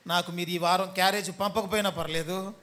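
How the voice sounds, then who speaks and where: A man's voice: high voice, fairly even intonation, fairly quick, fairly bright tone. A man preaching a sermon as pastor, teasing and scolding his congregation and mimicking the people he talks about. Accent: Telugu.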